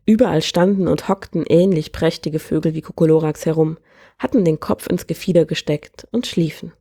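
A woman reading a fairy tale aloud in a calm, measured way as the storyteller. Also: low-pitched, dry recording, studio quality. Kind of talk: scripted fairy-tale narration.

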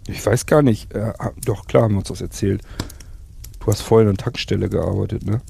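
Gravelly, husky man, low and dark, rambling enthusiastic host for survival role-play. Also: fairly quick, slight background noise. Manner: rambling, enthusiastic, many fillers.

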